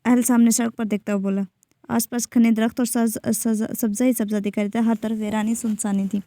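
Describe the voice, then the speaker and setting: A woman reads a romance novel aloud in a steady storytelling voice, now and then tripping over a word and correcting herself. Her tone is mellow and gravelly. The sound is dry and close, with no room around it. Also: a little high, a little fast, no room sound. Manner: steady storytelling with occasional slips and self-corrections. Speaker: narrator.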